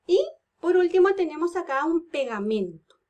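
A woman teaching kindergarteners from home, speaking in a slow sing-song and drawing words out syllable by syllable. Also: very high voice, big pitch swings, a little mellow. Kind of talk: remote lesson for young children.

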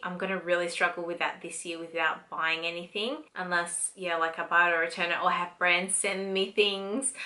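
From a brightly lit room in her home, a family vlogger in her thirties with an Australian accent chats to camera about her haul, rambling and gushing as she defends her buys. Her voice is lowish, pushed and bright.

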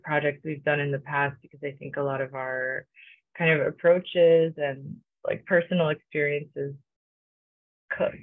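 A woman's voice: sits low, vocal fry, dry recording. A young woman from Romania, a co-curator, talking casually on a video call with many fillers and restarts. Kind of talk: casual panel talk. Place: home room with bookshelves. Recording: dry, phone-like video call audio.

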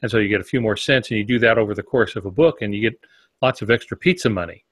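A man's voice: lowish voice, fast talker, fairly bright tone, no room sound. A man co-hosting a podcast, chatting casually in a rambling, self-deprecating way.

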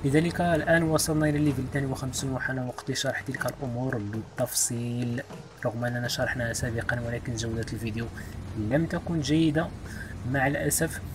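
A man hosting a gaming channel, giving playful, excitable let's play commentary and joking with his viewers. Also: medium pitch, fast talker, background noise.

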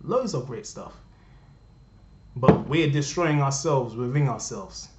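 An animated young man from Cameroon rants slowly and earnestly to camera, his mid-range voice returning again and again to the same points as he speaks directly to viewers. He's a vlogger recording at home in his living room on a desk webcam, and the audio is very noisy, roomy, dull and lo-fi.

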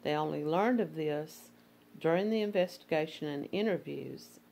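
A woman with a low voice and an Appalachian accent narrates a true crime case. She moves between reading court documents and loose, conversational commentary, with fillers and restarts. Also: normal speed, gravelly, darkish tone, slight background noise.

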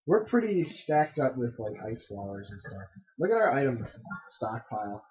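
A man hosting a let's play with joking commentary. His pitch jumps around in a lively, excitable way. The recording is dull and lo-fi. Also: normal speed. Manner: playful, excitable, teasing. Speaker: gaming video host.

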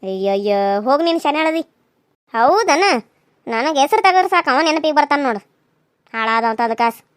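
A woman with a North Karnataka accent voicing a sharp-tongued, suspicious elderly village mother-in-law in a cartoon serial, in a scolding, rough way of talking. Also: high-pitched, expressive, a little fast, no echo, clean studio sound. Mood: cursing.

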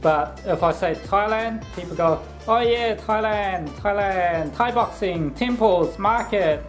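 A man in his thirties from Laos, casually explaining a recipe in his home kitchen, chatty and relaxed, filming himself at arm's length. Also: high voice, measured pace, faint music behind, low-quality recording. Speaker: vlog host. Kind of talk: casual cooking vlog.

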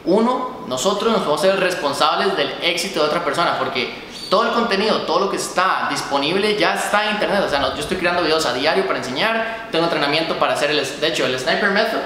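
A young man hosting a casual interview, chatty and gesturing as he talks, seated on a couch in a bright room. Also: on the high side, fast. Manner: chatty, animated with hand gestures. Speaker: host. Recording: echoey room with reverb and noise.

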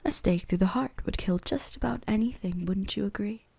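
A woman voices an ancient vampire huntress for an intimate ASMR roleplay, whispering darkly and breathily with a gravelly fry. Her mid-range voice moves at a moderate pace as she teases, seductive and predatory, amused and condescending.

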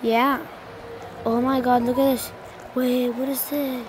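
A young teenage girl co-hosting a gaming channel chats to viewers while playing a video game, rambling and addressing them directly despite a slight cold. Her high voice moves little in pitch and is unhurried. Game music plays behind her casual commentary.

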